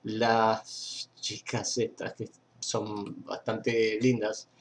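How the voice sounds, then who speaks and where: A man's voice: lowish voice, flat delivery, very slow, slight background noise. A young man from Argentina with an Argentine accent, hosting a fan page in a casual webcam news chat, rambling with many fillers and restarts, indoors on a webcam mic. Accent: Argentine Spanish. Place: indoor room at a computer.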